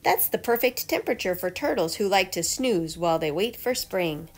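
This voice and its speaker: A woman with a medium-pitched, animated voice reads a children's picture book aloud at a moderate pace, like a teacher. Her storytelling is clear and emphatic, full of pointed questions and answers.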